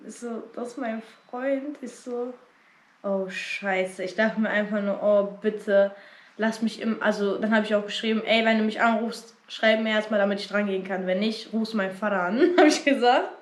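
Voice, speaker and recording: A woman's voice: mid-range voice, normal speed. A young woman vlogger telling a personal story in casual chat, acting out what her family said. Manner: animated, acts out quotes of family. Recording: echoey room.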